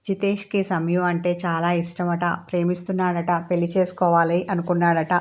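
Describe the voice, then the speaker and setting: A woman's voice: lowish voice, little pitch movement, fairly quick, darkish tone, close to an everyday voice. A woman reading out a frightened young woman in a storybook, who speaks in a hesitant, pleading way. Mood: fearful.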